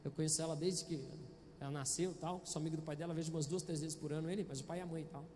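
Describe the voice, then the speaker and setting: A man's voice: on the high side, steady tone, racing, darkish tone, long reverb tail, a little hiss or hum. A male pastor with a Brazilian Portuguese accent, preaching a Sunday sermon in a chatty, playful way and often asking the congregation questions, on a handheld microphone in a church. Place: church auditorium.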